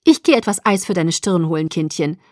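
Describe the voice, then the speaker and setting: A woman's voice: lowish voice, animated, fairly quick, darkish tone, dry recording, studio quality, lightly acted. A woman reading an audiobook voices a kindly, middle-aged school nurse who fusses over a pupil in a motherly way. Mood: fussing.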